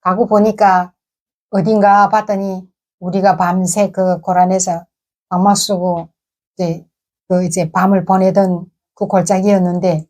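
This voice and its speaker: A woman's voice: medium pitch, little pitch movement, unhurried, darkish tone. A woman from North Korea with a North Korean accent, telling a personal story in a casual, vivid way full of sound words. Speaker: defector recounting her past.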